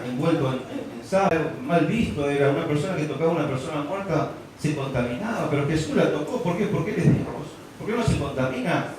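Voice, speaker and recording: A man's voice: on the high side, a little mellow, a little hiss or hum. A man, preaching a sermon, asking rhetorical questions and building emphasis. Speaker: pastor. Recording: echoey hall from far off.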